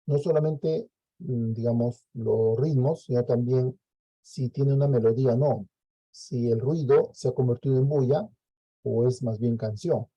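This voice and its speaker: A man's voice: medium pitch, fairly even intonation, unhurried, dark tone, no echo, dull audio. A Peruvian man lecturing a class, explaining step by step and checking in with frequent "¿no?" tags. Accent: Peruvian Spanish. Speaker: teacher.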